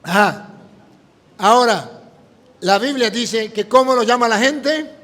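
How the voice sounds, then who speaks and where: A man preaching a sermon as a priest, telling a story in a lively way and acting out the dialogue. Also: extremely high pitch, slow pace. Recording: long hall reverb.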